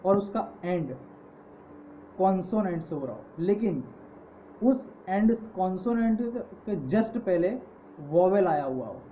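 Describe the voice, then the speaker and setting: A man's voice: high voice, expressive, warm tone. A man teaching English grammar in an online lecture, patiently listing word forms. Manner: slow, patient, repeating word forms in lists. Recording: tinny phone-like audio with faint hiss.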